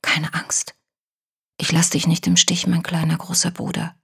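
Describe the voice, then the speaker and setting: A woman speaks as a sensitive but stubborn young woman in a storybook, dry and quiet. Her voice is low and breathy. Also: flat delivery, a little slow, whispered, exaggerated voice. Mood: tender.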